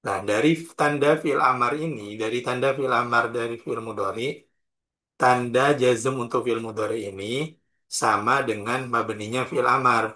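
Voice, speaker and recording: A man with an Indonesian accent teaching a grammar class in a bright, clear voice at an average pitch. He goes slowly and deliberately, spelling out each form and its examples one by one. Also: steady tone. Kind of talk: classroom lesson explaining grammar.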